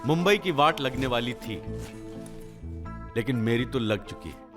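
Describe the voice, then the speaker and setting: A man's voice: medium pitch, expressive, measured pace, over music, lightly acted. An actor playing a weary, exasperated young man just out of a breakup. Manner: exasperated, sighing. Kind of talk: film dialogue.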